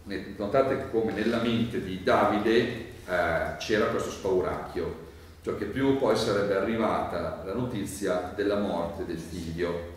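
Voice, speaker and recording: A lower-voiced man, a priest, explains a Bible passage in a loose, chatty lecture, filling pauses with "eh" and checking whether his listeners follow. The sound is very echoey and picked up from well away from the mic, with faint background noise. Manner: conversational, digressive, many "eh" fillers, asks the audience questions. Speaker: priest teaching a Bible course. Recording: very echoey room, mic far off, light noise.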